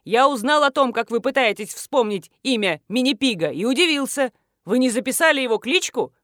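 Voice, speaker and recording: A woman's voice: a little high, expressive, brisk, a bit bright, no room sound, clean studio sound. A woman reading the lines of a brusque, grumbling middle-aged male colonel. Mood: gruff.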